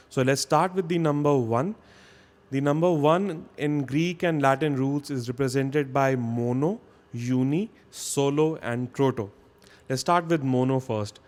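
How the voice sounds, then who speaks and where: A man's voice: medium pitch, darkish tone. A man teaching a vocabulary lesson in a casual spoken style, explaining step by step and often checking in with "okay?". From India.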